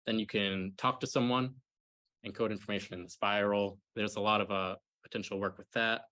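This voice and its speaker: A young man with a slightly low voice in a dry, close recording. He explains technical work like a student at a thesis defense, hedging and pausing haltingly as he works through his points. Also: steady tone, bright, forceful tone, no room sound. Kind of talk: technical presentation and question answering.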